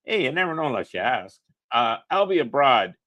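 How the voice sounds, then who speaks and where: A man's voice: mid-range voice, very animated, brisk, pushed and bright. A man co-hosting a casual livestream, reading out viewer comments in a chatty, offhand way with lots of fillers.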